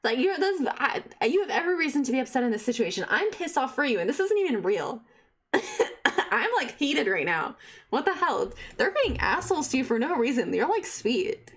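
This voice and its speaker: A woman's voice: high voice, sing-song, brisk, breathy edge. A young adult woman streaming a game, chatting expressively and swearing freely. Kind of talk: game commentary.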